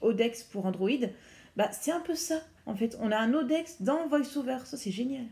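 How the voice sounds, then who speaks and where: Brief: woman tutorial host, casual and hesitant, lots of fillers, gravelly fry in the voice. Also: on the high side, animated, normal speed, warm tone, slight background noise. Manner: hesitant, many fillers and self-corrections. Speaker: YouTuber presenting phone accessibility settings.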